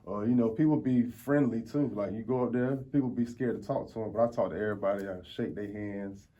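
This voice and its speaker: A man in his 40s from Tampa, Florida, guests on an interview as a food reviewer, telling stories casually in street slang. His voice is fairly low, dark, and brisk with fairly even intonation, and the sound is lo-fi.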